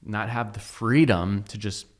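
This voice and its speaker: A man hosting a podcast, chatting in a relaxed, agreeable way with halting restarts. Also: fairly low pitch. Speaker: podcast host. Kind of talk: casual podcast chat.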